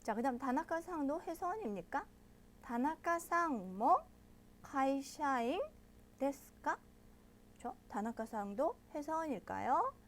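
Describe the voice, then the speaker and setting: Brief: bright high-pitched female teacher, patient, walks learners through each point. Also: very animated, a little hiss or hum. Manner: patient, explains step by step and checks in with listeners often; models pronunciation slowly and loudly. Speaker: Japanese language teacher. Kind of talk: online language lesson.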